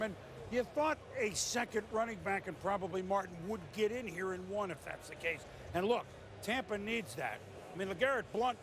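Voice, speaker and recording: A man's voice: high-pitched, noisy background. A man hosting live sports draft commentary. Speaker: sports broadcast host.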